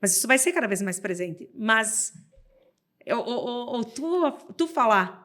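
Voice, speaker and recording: A woman's voice: fairly high pitch, sing-song, a little slow, a bit bright. A woman, a podcast guest, chatting casually and telling stories with frequent laughs. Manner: chatty storyteller who laughs often.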